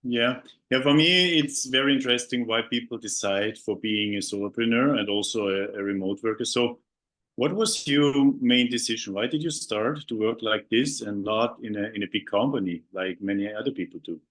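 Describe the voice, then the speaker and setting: A man hosting an interview podcast, welcoming his guest and asking questions in a halting way, often restarting and repeating words. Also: on the low side, fairly bright tone. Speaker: podcast host. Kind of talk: conversational interview.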